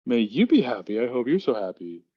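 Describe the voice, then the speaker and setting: A man's voice: mid-range voice, very animated, fairly quick, dull audio. A man voicing a condescending speaker who coos pity in a sugary, talking-down way. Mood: cooing. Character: condescending cooing pity-giver, sing-song.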